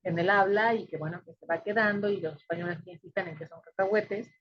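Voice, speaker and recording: A woman's voice: on the low side, quick pace. A woman teacher giving a recorded sociolinguistics lecture, explaining patiently and often checking in with the listener. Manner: explanatory, frequent check-ins with "¿no?" and "este". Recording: dull lo-fi recording.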